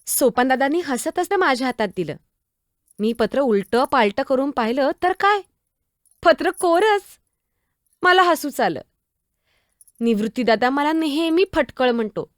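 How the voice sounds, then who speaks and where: A woman performing a one-woman stage drama, playing a spirited young girl saint who is devoted to her brothers, blunt and sharp-tongued, pleading and expressive as she speaks to people who are not there. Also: high voice, measured pace, pauses often, no echo, clean studio sound. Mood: storytelling.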